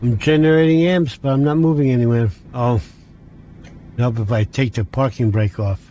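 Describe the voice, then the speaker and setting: Mellow and fairly even in intonation, this mid-pitched man from Hungary, a native Hungarian speaker, narrates his train simulator play step by step through the controls. His commentary is halting and full of restarts, recorded lo-fi and dull with an engine humming faintly beneath.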